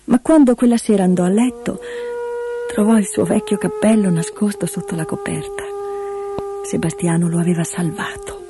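A woman narrating a children's storybook in an expressive, gently paced storytelling manner. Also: fairly low pitch, moderate pace, very noisy. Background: background music.

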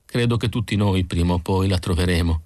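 A man's voice: deep voice, fairly quick, darkish tone, no room sound, clean studio sound, lightly acted. A man voicing a grieving middle-aged housewife, tearful and pleading, in an audiobook reading. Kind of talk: audiobook character voice.

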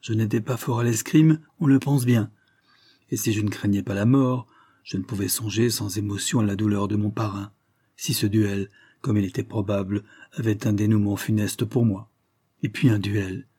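A male audiobook narrator reading a classic novel in a measured, even first-person style. His voice is mellow and dark with a husky grain, recorded dry and close with no room sound. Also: lowish voice, no room sound. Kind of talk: scripted storybook narration.

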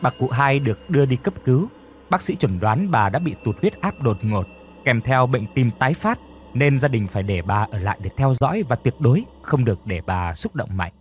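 A man's voice: mid-range voice, very animated, normal speed, faint music behind. A man narrating a scripted horror story in a dramatic storytelling manner.

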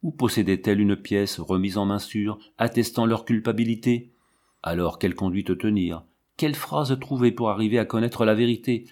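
A man narrating a classic novel as an audiobook in a dramatic, measured way. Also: on the low side, darkish tone.

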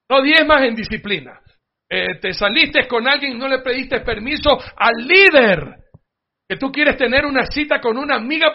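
A man preaches a sermon in a fairly high voice, swinging from quiet asides to loud emphatic bursts and acting out the people he quotes. The sound is dull and lo-fi, like an old radio broadcast. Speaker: pastor.

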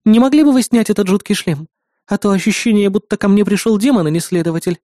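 A man's voice: high-pitched, warm tone, no room sound, clean studio sound, voice pushed up, natural voice. A man doing a cool, businesslike young actress. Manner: cool, measured, probing.

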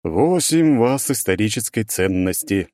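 Man doing a steel golem, slow, monotone, grudging, smug, dry booth. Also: fairly low pitch, no room sound. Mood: droning. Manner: tedious, melancholy, faintly gloating. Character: huge steel magic golem, droning, grudging. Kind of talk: audiobook reading.

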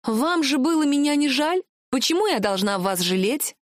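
A woman's voice: high voice, big pitch swings, moderate pace, dry recording, studio quality, pitched above the performer's own voice. A woman voicing a proud young royal heiress who is sarcastic and indignant, for an audiobook. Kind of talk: audiobook character voice.

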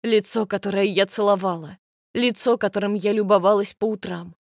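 A woman's voice: medium pitch, fairly even intonation, brisk, no room sound, studio quality. A woman narrating a romance audiobook in the first person, with tense, breathless storytelling.

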